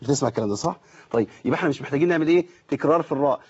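A middle-aged man with an Egyptian accent teaching Quran recitation online, correcting students and slowly demonstrating each sound. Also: fairly high pitch, slightly rough, lo-fi sound. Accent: Egyptian Arabic. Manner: corrective, demonstrates letters slowly and repeats them. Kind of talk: online tajweed lesson.

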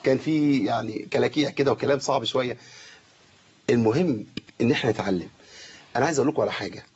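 Fast-talking husky Egyptian teacher. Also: male voice, medium pitch, a little mellow, lo-fi sound. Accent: Egyptian Arabic. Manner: corrects students, drawls out recited words. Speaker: Quran recitation teacher. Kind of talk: tajweed lesson with recited examples.

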